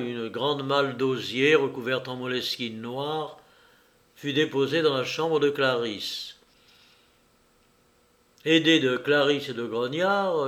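A man narrating a classic novel as an audiobook, in a steady, measured storytelling manner. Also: mid-range voice.

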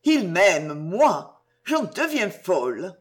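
A woman's voice: lowish voice, big pitch swings, drawn-out words, exaggerated voice. A woman voicing a passionate, torn young woman in an audiobook, with exclamations full of emotion. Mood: rapturous. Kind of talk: audiobook character reading.

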